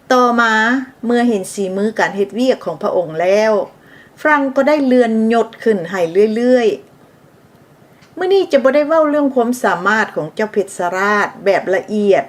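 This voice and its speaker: A woman from Laos narrating history in a scripted, steady voice of middling pitch. She explains terms as she goes and adds side remarks for her listeners.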